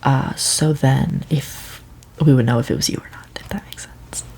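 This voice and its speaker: A woman playing a friendly, casual librarian in an ASMR whispered role-play, with a hushed library voice that slips into whispers and halting, hesitant phrasing. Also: rumbling low, fairly even intonation. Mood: helpful, matter-of-fact. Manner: hushed library voice, soft-spoken, slipping into whispers; hesitant, unhurried, halting delivery. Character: friendly, casual, helpful female librarian at the checkout desk.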